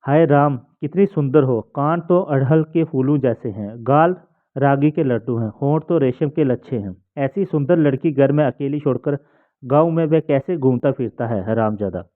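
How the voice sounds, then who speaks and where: A man's voice: mid-range voice, normal speed, close to an everyday voice. A man reading as a kindly blind old village woman. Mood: indignant. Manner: coaxing, scolding, read aloud from a play. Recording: tinny phone-like sound.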